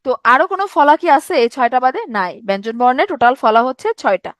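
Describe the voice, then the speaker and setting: High-voiced woman teaching grammar. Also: big pitch swings, fast, no room sound, studio quality. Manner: explanatory, asks rhetorical questions, repeats points. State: tired from no sleep. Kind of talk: exam-prep grammar lecture.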